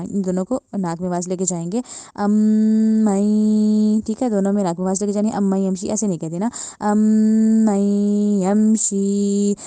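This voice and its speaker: A woman teaching Quran recitation, slowly sounding out each word and repeating the correct and incorrect forms. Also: medium pitch, mellow, dry recording. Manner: drills words slowly, contrasts wrong and right forms. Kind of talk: step-by-step pronunciation lesson.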